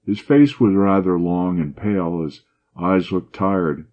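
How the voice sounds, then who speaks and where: A man narrating a classic short story in a measured, low-key manner. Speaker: audiobook narrator. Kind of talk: scripted narration. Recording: dull lo-fi audio.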